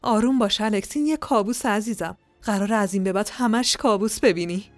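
A woman's voice: mid-range voice, no room sound, faint music behind, pitched above the performer's own voice, natural voice. A woman voicing the severed head of a nurse in a nightmare, speaking in a mocking, falsely soothing way.

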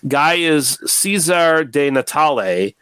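A man's voice: on the high side, lively intonation, slow, fairly bright tone, clean tone, dry recording. A man hosting a podcast, rambling and teasing his co-hosts in casual chat. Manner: rambling, laid-back, teasing. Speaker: podcast host.

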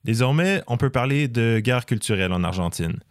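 A man delivering scripted documentary narration in a measured, explanatory way. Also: medium pitch, animated, dry recording, clean studio sound. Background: faint music.

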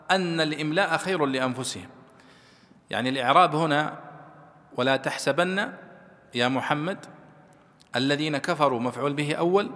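A man, a scholar explaining a classical commentary to students and stretching out the verses he quotes. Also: a little high. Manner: measured, stretches quoted verses slowly and loudly. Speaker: Islamic scholar teaching tafsir. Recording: long reverb of a hall.

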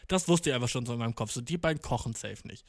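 A man's voice: medium pitch, lively intonation, racing, no echo, clean studio sound. A young man telling a casual, slangy anecdote full of swearing, acting out the people he quotes. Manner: slangy, swearing, tags lines with "ne?"; acts out quoted people in the story. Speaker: storyteller.

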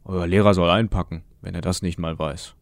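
A man voicing a kindly older man with bent legs, speaking gently and coaxingly in an audiobook reading. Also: low voice, fairly even intonation, fairly quick, creaky, dry recording.

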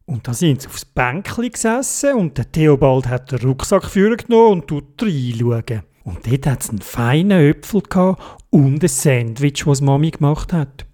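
A storyteller with a Swiss German accent telling a children's story in a sing-song way. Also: mid-range voice. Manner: sing-song, lively, singing little songs.

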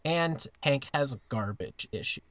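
A man's voice: medium pitch, expressive, slow pace, a bit bright, no echo. A man co-hosting a podcast from inside a clothes closet, rambling through stories with lots of fillers and restarts. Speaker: podcast co-host. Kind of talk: casual comedic chat.

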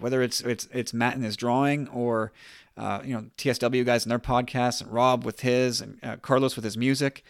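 A man's voice: medium pitch, dry recording. Casual male podcast host, dry close sound. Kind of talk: casual chat.

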